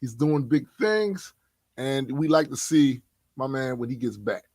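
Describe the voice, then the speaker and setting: A man co-hosting a casual podcast, talking in an animated, slangy way and laughing often. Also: medium pitch, unhurried, no echo. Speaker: podcast co-host.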